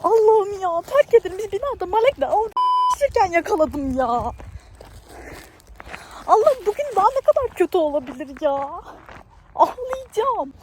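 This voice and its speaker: A woman's voice: very high voice, big pitch swings, normal speed, pauses often, background noise, voice pushed up. A woman playing an exasperated young wife who vlogs and scolds her husband in a comedy sketch. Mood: ranting.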